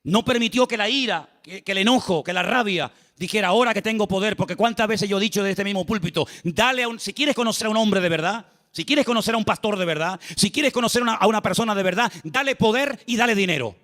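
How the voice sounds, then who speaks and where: A middle-aged man preaches a sermon from the pulpit. His voice sits high for a man. He is animated, acts out the voices of the people in his story, and turns to the congregation with questions. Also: quick pace, hardly any pauses, long reverb tail. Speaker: pastor.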